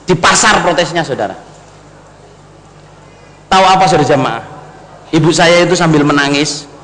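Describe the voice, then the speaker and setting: Bright-voiced East Javanese preacher man. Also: fairly high pitch, moderate pace. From East Java. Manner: talks straight to the congregation, lively storytelling with big swings. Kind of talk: storytelling sermon to a congregation. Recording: long hall reverb with faint background noise.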